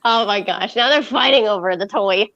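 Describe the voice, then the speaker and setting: A woman's voice: medium pitch, moderate pace, a bit bright, dull audio. A woman streamer in casual live-stream chat, playful and cooing at her dogs.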